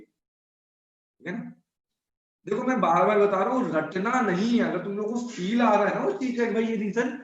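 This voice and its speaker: High-voiced man lecturing in echoey room. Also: fairly bright tone. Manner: chatty, scolding, repeats points. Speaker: chemistry teacher. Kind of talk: lecture to students. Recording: echoey room, dull sound.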